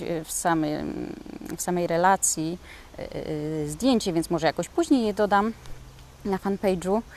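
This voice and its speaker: A woman's voice: fairly low pitch, darkish tone. A woman from Poland teaching a casual spoken language lesson, talking hesitantly with many filler sounds.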